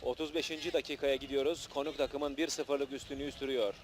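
A man's voice: mid-range voice, steady tone, fast talker. A man giving live television football commentary in short, clipped play-by-play phrases. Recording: noisy old match broadcast, outdoor stadium.

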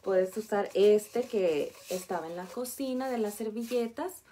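A woman preschool teacher reading a picture book aloud to small children. She explains gently and often stops to point out the pictures. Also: mid-range voice, unhurried, a little hiss or hum.

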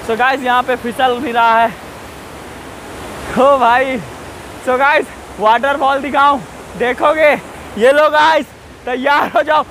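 A strikingly high-voiced travel vlogger, fairly bright in tone, strolls over rocky ground talking loosely to his viewers and reminding them of the dangers again and again. Behind him a waterfall rushes faintly, and the recording is rough.

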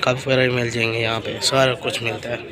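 A young Pakistani man narrates a walking vlog through outdoor streets and a market, talking into a phone camera held in his hand. His medium-pitched voice is flat and quick as he chats and points things out, with a crowd and loud street and traffic noise around him.

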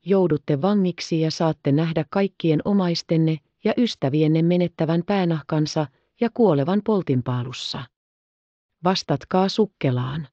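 A woman reading the part of a scheming male traitor who makes hushed, mocking threats. The audio is slightly dull. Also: lowish voice, no room sound.

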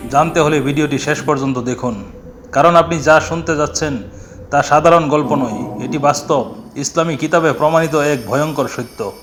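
A man reading a scripted religious narration in a solemn, dramatic storytelling manner. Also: a little high.

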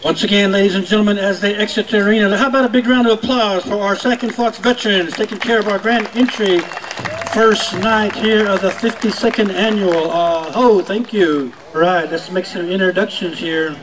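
A man with a high-pitched voice announces as a powwow emcee. He speaks into a public-address microphone outdoors. His delivery is informal and folksy, calling out to people and prompting applause as he makes introductions. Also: fairly even intonation, fairly quick, poor audio. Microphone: public-address microphone at announcer's stand.

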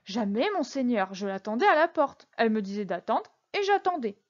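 A timid middle-aged shopkeeper, played by a woman reader stammers in a high, anxious voice, always fawning. The recording sounds dull and lo-fi. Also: sing-song, a little fast. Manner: stammering, anxious and eager to please.

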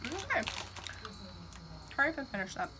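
A young adult woman hosting a snack-tasting vlog, excitable and reading labels aloud in casual chat. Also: sits high, normal speed, crowd noise. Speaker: vlog host. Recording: noisy home recording.

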